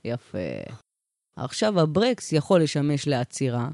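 A man's voice: on the high side, lively intonation, darkish tone, no room sound, clean studio sound. A man playing a brash, boastful woman bus driver in comic banter, with slangy, emphatic, swaggering talk. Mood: boastful, animated. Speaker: bus driver character in comedic chat. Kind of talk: improvised comic character banter.

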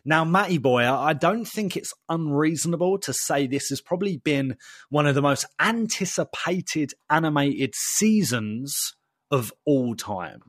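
A man's voice: fairly high pitch, lively intonation, measured pace, a bit bright, dry recording, clean studio sound. A man with an Essex accent hosting a casual podcast with blokey, enthusiastic banter. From Essex, England. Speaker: podcast host.

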